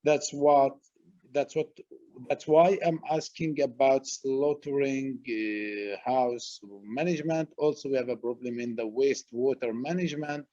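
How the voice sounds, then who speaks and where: A man from Palestine, an environmental inspector, commenting haltingly in an online meeting with repeated words. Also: mid-range voice, steady tone, mellow, no room sound, highs cut off.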